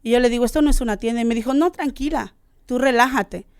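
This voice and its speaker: A woman giving an emotional personal testimony as a radio guest, telling her story in an animated way and acting out the dialogue. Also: a little high, quick pace, clear, resonant tone, no room sound, studio quality.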